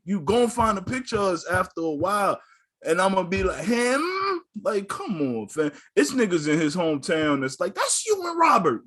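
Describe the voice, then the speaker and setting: A young man co-hosting a podcast, talking in a heated, profane, animated way, acting out quotes as he argues. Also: high-pitched, slightly rough. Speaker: podcast co-host. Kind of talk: casual podcast chat.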